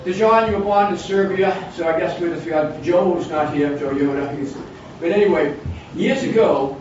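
A man's voice: high-pitched, moderate pace, darkish tone, heavy reverb. Older man leading a rambling Bible study. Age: 60s. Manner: rambling, with frequent restarts and asides. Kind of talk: informal Bible study talk. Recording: distant, dull, noisy room recording.

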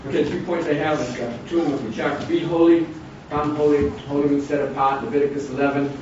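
Older man in his sixties, Bible study leader, rambling delivery, slightly high voice, recorded from far off in a very echoey room. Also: fairly even intonation, fast, darkish tone. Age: 60s. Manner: rambling, with frequent restarts and asides. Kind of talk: informal Bible study talk. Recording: distant, dull, noisy room recording.

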